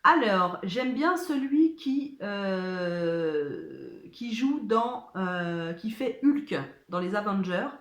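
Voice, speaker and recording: A woman's voice: medium pitch, big pitch swings, extremely slow. A woman chatting casually as she answers viewer questions, hesitant, with many fillers and restarts. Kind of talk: casual chat. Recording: echoey room.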